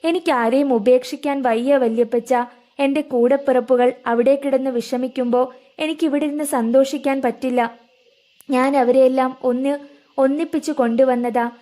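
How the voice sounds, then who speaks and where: ദുഃഖിതയായ ഒരു യുവതിയായി കഥ വായിക്കുന്ന ഒരു സ്ത്രീ. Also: female voice, sits high, steady tone, normal speed, warm tone, lightly acted. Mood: sorrowful. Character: sorrowful young woman, gentle and selfless.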